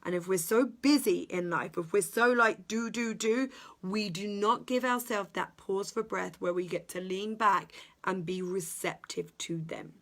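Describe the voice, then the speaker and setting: A woman's voice: medium pitch, measured pace, a bit bright. A woman speaking as a self-development coach in a motivational podcast monologue, earnest and emphatic, with repeated phrasing and the odd drop into a whisper.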